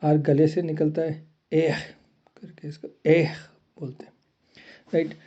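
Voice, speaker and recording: A man teaching a lesson in a deliberate way, repeating each item twice. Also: on the high side, little pitch movement, warm tone. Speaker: language teacher. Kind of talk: slow spoken lesson. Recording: slightly muffled lo-fi recording.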